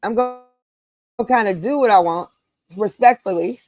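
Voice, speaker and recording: A woman in her fifties hosting a casual group chat, emphatic and quick to laugh. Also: medium pitch, no room sound. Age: 50s. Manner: animated, emphatic, laughs easily. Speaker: host.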